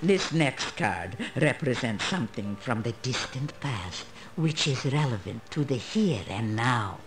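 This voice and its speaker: Old female fortune teller, video game character, slow solemn delivery, sweeping intonation, mysterious, proud. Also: a bass voice, lively intonation, a little hiss or hum.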